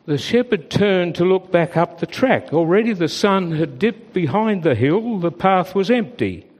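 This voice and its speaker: A man reading a children's story aloud in a gentle, expressive way. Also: sits high, a little slow. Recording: long reverb.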